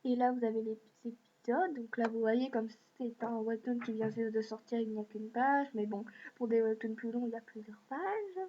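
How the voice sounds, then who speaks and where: A woman's voice: on the high side, normal speed. Hesitant woman giving an app walkthrough. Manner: hesitant, many fillers. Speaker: video host. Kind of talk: screen-recorded app walkthrough. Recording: dull lo-fi mic with faint hiss.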